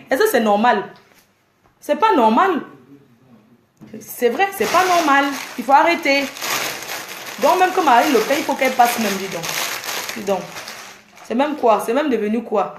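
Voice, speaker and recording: A woman's voice: high-pitched, reverberant. A woman ranting at her fans on a casual live stream, scolding and exasperated as she lectures her viewers. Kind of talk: casual Facebook live rant.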